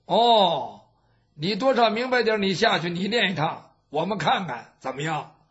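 A man's voice: high-pitched, lively intonation, normal speed, a bit bright. A man voicing a pushy young martial-arts trainee who keeps demanding answers. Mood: challenging. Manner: challenging, demanding. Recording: dull lo-fi recording.

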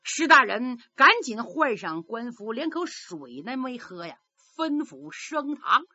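A woman telling a traditional story in a lively, dramatic manner. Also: a little high, a little slow, dry recording, muffled recording. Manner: lively, dramatic narration with many voices.

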